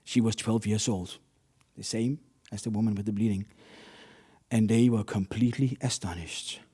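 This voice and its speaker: A man's voice: lowish voice, fairly even intonation, normal speed, mellow, breathy edge. Earnest man preaching a sermon. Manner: earnest, storytelling with non-native English phrasing.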